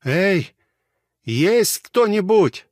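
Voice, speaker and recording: A trapped doctor cries out in a high, strained voice, gasping and close to tears, performed by a male audiobook narrator. The yelling is loud and desperate. The recording is dry and close. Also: very animated, very slow, dry recording, heavily acted. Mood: shouting for help. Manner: frantic yelling, breathless and near tears. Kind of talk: audiobook character voice.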